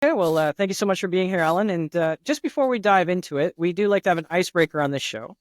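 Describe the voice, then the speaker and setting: A man's voice: sits high, expressive, fast. A man hosting a podcast interview, speaking hesitantly, with lots of fillers. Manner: hesitant, many fillers and restarts. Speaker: podcast host.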